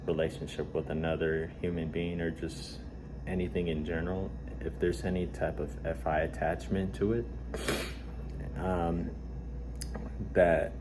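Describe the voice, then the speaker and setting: A man with a congested nose talking casually and haltingly to his audience, recorded in a warehouse. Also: deep voice. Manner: halting, hesitant delivery with repeated words and pauses. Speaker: vlogger. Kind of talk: casual rambling talk. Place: warehouse at work. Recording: noisy warehouse ambience.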